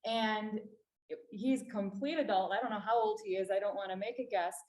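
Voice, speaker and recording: A woman's voice: mid-range voice, normal speed, darkish tone. A woman from a refugee services agency giving a public talk to a library audience, explaining earnestly and stressing key points. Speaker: refugee services staff presenter. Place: library meeting room. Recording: echoey room.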